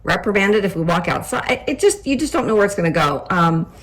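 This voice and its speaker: An older woman co-hosting a casual chat, telling animated stories and laughing often. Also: medium pitch, fairly quick, poor audio. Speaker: co-host.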